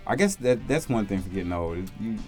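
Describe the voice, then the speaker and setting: A man's voice: fairly low pitch, lively intonation, fast talker, darkish tone, faint music behind. A man in his thirties chatting casually with friends, laid-back and joking, laughing often. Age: 30s. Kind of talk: casual chat among friends.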